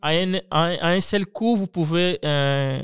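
A man's voice: on the high side, measured pace, clear, resonant tone. A man from Africa, talking casually and a little hesitantly, often echoing words in agreement. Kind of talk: casual conversational interview.

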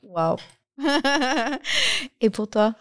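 A middle-aged woman interviewing younger guests in a casual chat, laughing often and filling pauses with hesitations. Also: mid-range voice, clear, resonant tone, no room sound, clean studio sound.

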